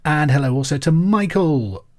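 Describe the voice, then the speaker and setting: A slightly high, animated male voice with a darkish tone presents a pub quiz podcast at normal speed. The English host is chatty and conversational, clearly repeating the questions over background music.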